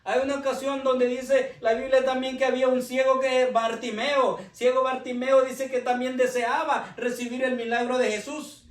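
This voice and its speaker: A man's voice: extremely high pitch, level tone, moderate pace, few pauses. A man preaching a sermon, earnest and building to emphasis, often addressing the congregation as brothers and sisters. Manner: earnest, with rising emphasis and frequent "mis hermanos". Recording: echoey room, heard from a distance.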